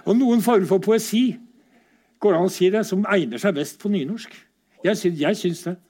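This middle-aged man from Norway lectures informally over slides in a high, warm voice. He frequently asks questions he doesn't expect anyone to answer.

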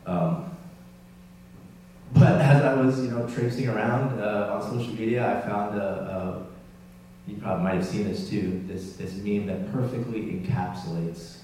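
A man's voice: on the low side, fairly even intonation, unhurried, dark tone. A man preaching in an echoey hall. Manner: conversational, self-deprecating, with restarts. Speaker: pastor. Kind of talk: sermon. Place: church sanctuary. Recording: roomy, distant church mic with hum.

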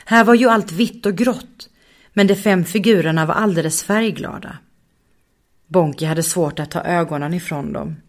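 A woman narrates a children's story at a calm, measured pace. Her voice sits slightly low for a woman. The reading is steady and unhurried.

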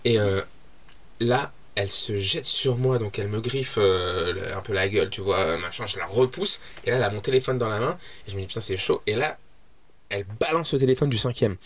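A man, a comedian guest, telling an anecdote in casual chat, animated with lots of restarts. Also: fairly low pitch, fairly quick.

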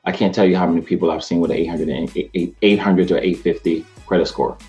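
Deep-voiced energetic man hosting a show. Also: fast, faint music behind. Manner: energetic, chatty, laughs easily. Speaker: host, mortgage professional. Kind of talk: casual talk to camera.

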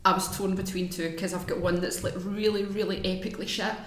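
A woman's voice: medium pitch, little pitch movement, fairly quick. A Scottish woman speaking candidly and chattily as a guest in a live podcast interview. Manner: candid, chatty, plain-spoken. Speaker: guest runner. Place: room at a live event. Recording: echoey room, faint noise.

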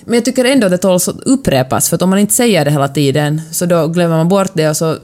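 A woman's voice: fairly low pitch, a little mellow. A woman from Finland with a Finland-Swedish accent, co-hosting a podcast and discussing things in a casual, conversational way. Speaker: podcast co-host.

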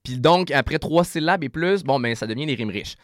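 A man with a Québécois French accent, a rapper guest explaining rhyme in a casual interview, animated and full of restarts. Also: fairly high pitch, a little fast, no room sound, clean studio sound.

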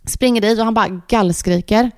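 A woman's voice: medium pitch, no room sound, clean studio sound. Swedish woman telling a frantic story. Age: 30s. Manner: animated storytelling, acting out quoted panic. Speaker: podcast co-host. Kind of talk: casual chat.

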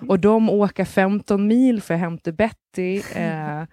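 A woman's voice: mid-range voice, dark tone, no echo, clean studio sound. A woman in her thirties, co-hosting a podcast, telling a story in casual chat with lots of laughter and casual swearing, acting out other people's lines. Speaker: podcast co-host.

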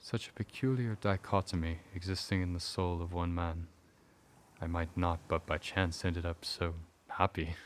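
A man playing a tormented Victorian gentleman. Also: low-pitched, fairly even intonation, moderate pace, a little hiss or hum, close to an everyday voice. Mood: tender. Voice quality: theatrical, declamatory. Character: Victorian gentleman Arthur, tormented lover turned furious husband. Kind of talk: radio drama acting.

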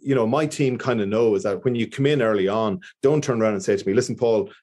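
An Irish man who runs his own company speaks in a somewhat low voice. He talks earnestly in a relaxed interview and keeps returning to the ideas he cares about. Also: fast. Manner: earnest, repeats his key points. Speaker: business owner guest. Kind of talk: conversational interview.

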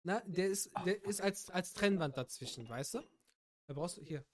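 A man's voice: high voice, normal speed, a little hiss or hum. A man hosting a podcast, telling stories animatedly in casual chat. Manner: animated storytelling. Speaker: podcast host.

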